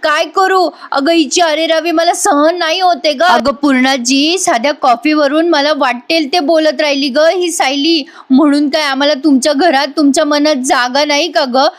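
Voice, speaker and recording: A woman's voice: high voice, steady tone, normal speed, few pauses, pitched above the performer's own voice, lightly acted. A woman voicing a young wife who complains tearfully and accuses others in a wheedling way. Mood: whining.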